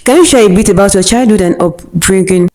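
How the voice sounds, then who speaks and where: A young Nigerian woman with a Nigerian accent who reads her viewers' questions aloud and answers them slowly and deliberately, with short laughs between answers. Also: medium pitch, darkish tone, low-quality recording. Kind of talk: scripted question-and-answer monologue.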